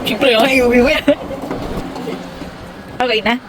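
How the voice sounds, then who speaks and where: A woman's voice: on the high side, fairly even intonation, measured pace, background noise. A woman from the Philippines chatting in a casual travel vlog, bantering and laughing easily. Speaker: vlogger.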